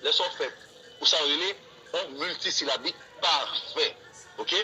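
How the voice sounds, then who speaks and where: A man's voice: on the high side, measured pace, sharp tone, soft background music, rough recording. A man with a Haitian accent teaching rap wordplay on a live stream, explaining with examples and dropping fillers like "yo".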